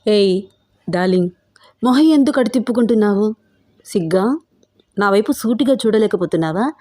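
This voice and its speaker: A woman voicing a possessive, menacing male gangster who talks in a smooth, wheedling way. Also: medium pitch, animated, moderate pace, dark tone, natural voice. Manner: smooth, wheedling then threatening.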